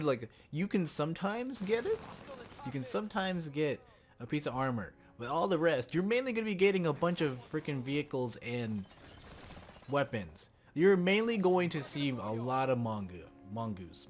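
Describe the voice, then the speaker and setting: Man rambling exasperatedly, animated pitch swings. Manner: rambling, exasperated complaining with emphatic repeats. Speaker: gamer commentator. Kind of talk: casual unscripted gameplay commentary.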